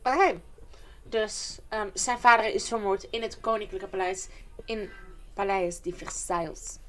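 A woman commentating a video game, excitable and reacting loudly to what happens. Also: medium pitch, measured pace. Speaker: gamer. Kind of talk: let's play commentary. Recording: game music behind the voice.

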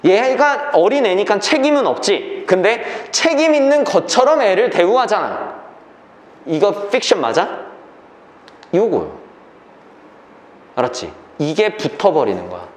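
A man's voice: high-pitched, very animated, measured pace, pauses often, roomy sound. A man teaching an English reading class, lecturing and often checking that the students follow.

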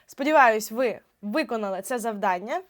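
A woman's voice: a little high, expressive. Woman teacher stretching out example words. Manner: clear, drawn-out example words, explaining patiently. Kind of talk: online spelling lesson.

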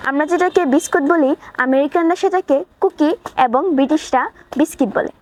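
A woman giving a scripted vocabulary lesson, reading word pairs in a clear, even, list-like way. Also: high voice, brisk. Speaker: English teacher. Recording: noisy background hiss.

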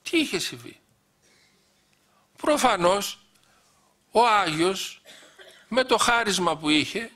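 A man's voice: high voice, lively intonation, long pauses, pushed and bright. A middle-aged man recounting personal memories in an anecdotal storytelling talk, quoting dialogue with frequent "he says" asides. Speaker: guest speaker recounting memories.

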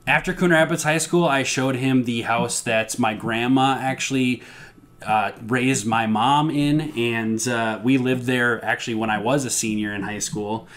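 A young man from Minnesota chats casually as a vlog host, relaxed and easygoing. His voice sits at an ordinary middle pitch, with frequent fillers and little laughs. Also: a little slow. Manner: laid-back, chuckling, many fillers. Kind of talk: casual chat.

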